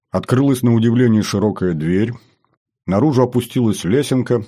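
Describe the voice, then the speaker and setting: A male narrator reads a first-person adventure audiobook. His voice is low and mellow, and his delivery is even and descriptive.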